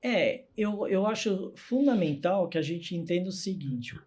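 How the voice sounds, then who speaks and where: A man's voice: high voice, animated, a little slow, darkish tone, slightly rough. A man telling a story as a podcast guest, a hospital clown who acts out the people in his stories.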